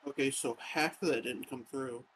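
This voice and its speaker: A man's voice: mid-range voice, steady tone, moderate pace, a bit bright, breathy edge, low-quality recording. A man chatting casually as a co-host over a Discord voice call, laid-back with brief replies. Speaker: co-host on voice chat. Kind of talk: casual chat.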